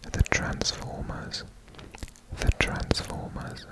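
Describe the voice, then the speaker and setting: A Welsh ASMR host whispers breathily and deliberately while presenting a personal guessing quiz, repeating words as they go.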